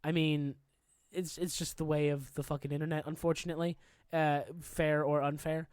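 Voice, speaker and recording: A man's voice: a little high, flat delivery, normal speed, darkish tone, clean tone, no echo, studio quality. A man hosting a casual podcast chat, joking loosely and swearing often. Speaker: podcast host.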